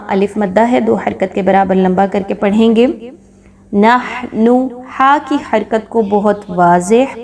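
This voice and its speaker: A woman tutor teaching Quran recitation rules, explaining patiently and drawing out recited words slowly. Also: mid-range voice, darkish tone. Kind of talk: tajweed lesson.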